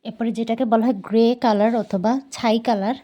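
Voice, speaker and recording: A woman with a Bangladeshi Bengali accent teaching Korean words in a casual video lesson, slowly repeating each word for practice. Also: a little high, steady tone, mellow.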